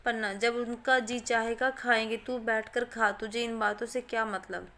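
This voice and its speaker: A woman's voice: a little high, steady tone, normal speed, pushed and bright. A woman reading the part of a resigned, stern middle-aged village aunt, terse and weary.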